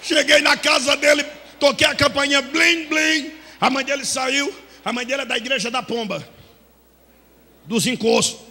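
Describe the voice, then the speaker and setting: A man preaching as a Pentecostal pastor, shouting and acting out the voices in his story, breaking into tongues. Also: very high voice, fairly even intonation, moderate pace, a little hiss or hum. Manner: shouting, dramatic, acts out dialogue, speaks in tongues. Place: church hall. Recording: church hall with long reverb.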